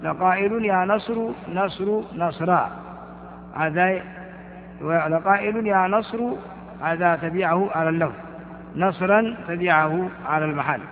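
A man's voice: sits high, unhurried, background noise. An older man teaching Arabic grammar in a lecture, repeating examples and asking and answering his own questions. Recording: tinny, echoey old lecture recording.

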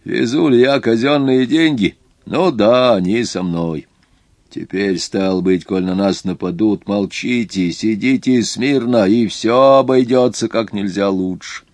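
A man acting out a blunt, grumbling coach conductor in a storybook tale, barking at passengers to hurry. His low voice is loud and brusque. The recording is close and dry. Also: measured pace, no echo. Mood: gruff. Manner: gruff, impatient.

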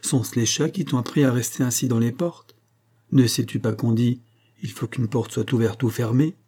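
A man's voice: mid-range voice, fairly even intonation, normal speed, warm tone, slightly rough, lightly acted. A man reading the part of a teasing, sly middle-aged master of the house, in a jovial mocking tone.

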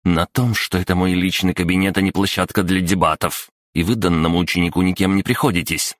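Stern headmistress, a deep-voiced male narrator pitching up, formal and clipped, dry studio read. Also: fairly even intonation, fairly quick, a bit bright, no echo. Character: stern female school headmistress, middle-aged.

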